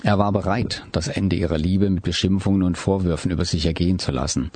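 A man reading a story aloud as audiobook narrator, calm and measured. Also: sits low, dry recording. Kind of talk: scripted narration.

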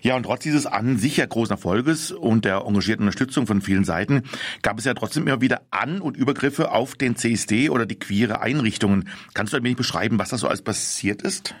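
A man's voice: medium pitch, fast, dry recording. A man hosting a radio show, reading a prepared introduction and then interviewing a guest with short questions.

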